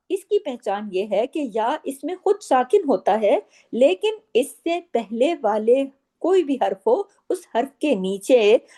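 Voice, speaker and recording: A woman teaching Quran recitation, patiently explaining each rule and repeating words slowly. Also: on the high side, dark tone. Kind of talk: slow tajweed lesson with recited phrases.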